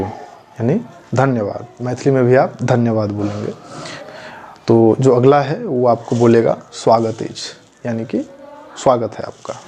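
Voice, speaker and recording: A man's voice: mid-range voice, a little mellow, a little hiss or hum. A man teaching a language lesson, repeating phrases and stressing pronunciation.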